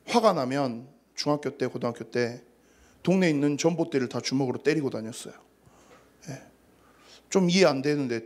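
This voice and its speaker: A man in his thirties, a youth pastor, giving a casual, story-filled sermon to teenagers. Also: fairly high pitch. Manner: casual storytelling with acted quotes.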